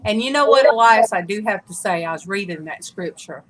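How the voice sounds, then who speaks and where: A woman's voice: medium pitch, lively intonation, a little fast, rough recording. A woman with a Southern US accent and a drawling delivery, chatting casually as the host of a live show.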